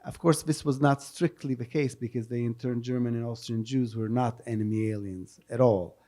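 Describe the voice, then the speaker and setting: At a live public event with audience questions, a man moderates a panel, giving spontaneous answers and off-the-cuff spoken translation. He explains carefully, correcting himself repeatedly, in a warm, mid-range voice with fairly even intonation, speaking a little fast.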